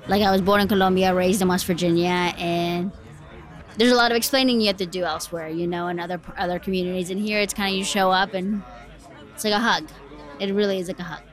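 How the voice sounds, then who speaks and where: A woman's voice: fairly low pitch, fairly even intonation, fast, a faint crowd. A young woman in a casual interview, talking loosely with frequent fillers.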